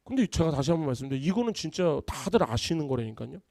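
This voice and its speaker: A man, a pastor, preaching a sermon in an animated, conversational way in a church. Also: on the high side, fast, gravelly, no echo, studio quality. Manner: animated, conversational preaching with acted-out family quotes. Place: church sanctuary.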